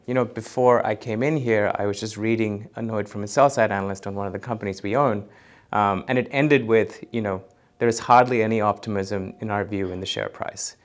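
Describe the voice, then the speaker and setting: A man's voice: on the low side, fairly even intonation, brisk. A man giving conversational, explanatory answers as an expert podcast guest, often saying "you know". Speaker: portfolio manager, podcast guest.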